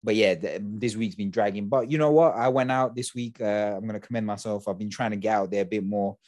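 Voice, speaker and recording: A man's voice: fairly low pitch, fairly quick, darkish tone, dry recording, studio quality. A young man, hosting a podcast in casual, slangy chat. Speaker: podcast host.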